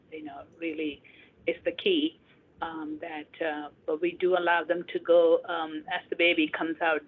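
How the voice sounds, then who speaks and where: A woman calling into an online meeting over the phone, talking hesitantly with many pauses and ums. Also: low voice. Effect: heard over a phone line. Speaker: hospital staff member sharing practice at an online meeting. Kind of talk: unscripted remarks on a group call. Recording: tinny, husky phone line.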